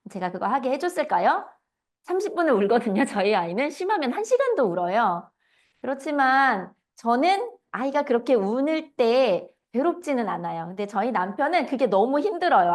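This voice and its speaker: A woman in her thirties giving an online lecture on empathetic communication, often asking her listeners questions. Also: high voice. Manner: lively, asks the audience questions.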